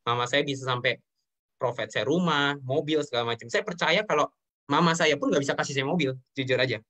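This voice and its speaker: A man's voice: fairly high pitch, brisk, fairly bright tone. A young man from Indonesia, speaking earnestly as an interview guest and often addressing the host respectfully. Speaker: guest sharing his business story. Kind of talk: emotional interview talk.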